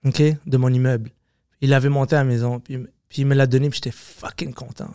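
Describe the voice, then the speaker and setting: A man with a Québécois French accent, a comedian talking as a podcast guest, animated, swearing often and slipping into English. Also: medium pitch, fast, clean tone, dry recording, clean studio sound. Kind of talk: casual podcast conversation.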